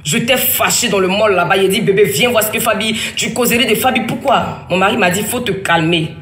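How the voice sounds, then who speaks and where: A woman's voice: medium pitch, fast, a bit bright. A woman in her thirties tells a family story in a roomy, echoing space, with a faint hiss of background noise behind her. She talks in a rambling, emphatic way and keeps restarting her sentences. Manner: rambling, emphatic, with frequent restarts and quoted dialogue. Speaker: mother telling her story. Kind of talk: casual spoken testimony. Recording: echoey room with faint ambient noise.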